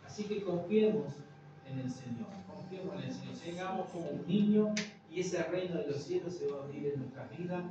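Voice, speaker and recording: Older male pastor, conversational sermon, slightly high voice, distant mic in a boomy room. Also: lively intonation, normal speed. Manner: conversational preaching, frequent tag questions to the congregation. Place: congregation's meeting room. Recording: very echoey room, distant mic, dull, noisy.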